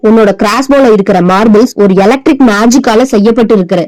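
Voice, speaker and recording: A woman's voice: fairly high pitch, fast, a little mellow, no room sound, lightly acted, low-quality recording. A woman doing a blunt, mocking young prince. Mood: explaining. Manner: curt, sarcastic commands.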